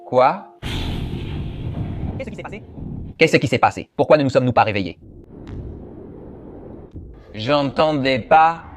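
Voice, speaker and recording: A man's voice: mid-range voice, animated, measured pace, pauses often, faint music behind. A man playing a horror game aloud as a gaming host, joking and voicing the game's characters. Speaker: gaming youtuber.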